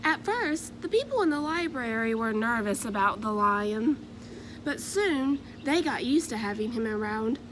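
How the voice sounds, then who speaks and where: A woman narrates a children's story in a fairly high voice, taking her time with every phrase. Her delivery is expressive and measured, over clear background noise. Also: poor audio. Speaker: storybook reader.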